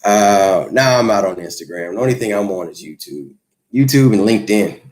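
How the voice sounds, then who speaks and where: This easygoing YouTuber in his forties talks to his live audience from his Los Angeles home, reading out and responding to comments off the cuff. His lowish voice bounces around in pitch as he rambles at a normal speed, with soft music playing behind him.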